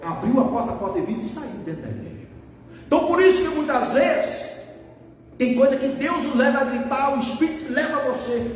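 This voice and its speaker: Guy preaching a sermon, really high voice that jumps all over, echoey church heard from far off. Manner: emphatic, conversational preaching to the congregation. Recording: echoey hall from far off, faint noise.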